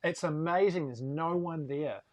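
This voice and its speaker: A man of about forty chats as a guest on a live stream, telling stories in a lively, bursting way. His voice sits somewhat high for a man. The sound is dry and close, with no room around it. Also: unhurried, dry recording. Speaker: sailing charter company boss, guest. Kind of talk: casual live-stream interview chat.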